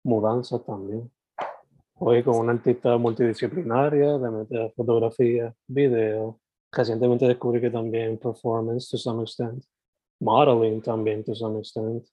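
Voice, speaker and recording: A man's voice: medium pitch, little pitch movement, normal speed, no echo, muffled recording. A man hosting a casual podcast interview, switching freely between two languages in mid-sentence. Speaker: podcast host.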